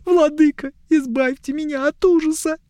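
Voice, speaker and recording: A man voicing a highborn young male elf prisoner who pleads plaintively, close to tears. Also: steady tone, normal speed, warm tone, no echo. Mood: pleading. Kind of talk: audiobook character voice.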